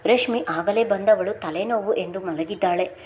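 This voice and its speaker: A woman voicing an anxious sister-in-law in a family drama, speaking higher and louder. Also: normal speed, natural voice. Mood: worried. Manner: worried, higher and louder questioning.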